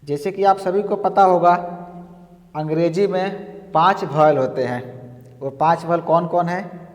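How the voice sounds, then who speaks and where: Man, teacher, exam-prep lesson, unhurried, repeats points, long reverb. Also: a little high. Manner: slow, explaining step by step with repetitions.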